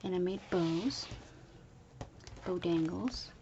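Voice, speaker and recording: A woman chatting in a soft whisper at home early in the morning, showing her handmade planners. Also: fairly low pitch, slow, highs cut off, slight background noise.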